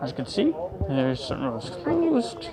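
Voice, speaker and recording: A man's voice: a little high, huge pitch swings, measured pace, over a noisy crowd, low-quality recording. A man narrating a casual walk-around theme park vlog. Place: theme park, rides and queues. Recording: music playing clearly in background.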